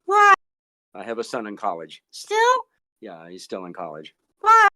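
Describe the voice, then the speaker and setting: A ventriloquist voicing a rude, cheeky young male chimpanzee puppet in a squeaky, shrill voice that fires off wisecracks and short retorts. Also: huge pitch swings, moderate pace, pushed and bright, no room sound, studio quality, heavily acted.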